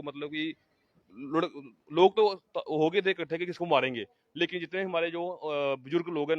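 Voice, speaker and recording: A man, a relative of the family, giving an emphatic, rapid account in an on-the-spot interview, with frequent restarts. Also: a little high, no echo. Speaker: eyewitness relative. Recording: dull, lo-fi field audio.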